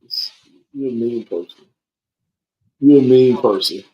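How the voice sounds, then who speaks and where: A man in his forties hosting a podcast, chatting casually, animated and joking, repeating himself often. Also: medium pitch, unhurried, lo-fi sound. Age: 40s. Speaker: podcast host.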